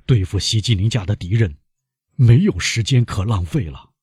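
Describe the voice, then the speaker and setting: A man's voice: on the low side, lively intonation, a little mellow, slightly rough, no echo, clean studio sound. A man voicing a grave older doctor who speaks coldly and evenly. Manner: cold, measured.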